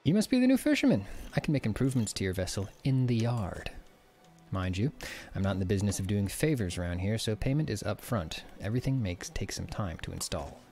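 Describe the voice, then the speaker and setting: A man voicing a brisk, businesslike woman shipwright in a high falsetto for a video game. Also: sing-song, warm tone.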